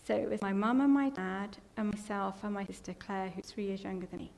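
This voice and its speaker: This middle-aged woman from England has a creaky, darkish mid-range voice, a steady tone, and a slightly fast pace. In a church hall she tells a rambling, emotional personal testimony that at times chokes with tears, recorded with long hall reverb and faint background noise.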